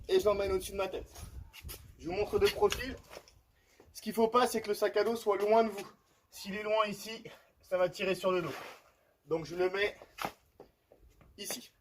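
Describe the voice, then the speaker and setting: High-voiced man coaching a home workout. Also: steady tone, normal speed, pauses often, slight background noise, rough recording. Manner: demonstrating exercises while explaining, with frequent "d'accord?" checks. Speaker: fitness coach. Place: outdoor terrace at home.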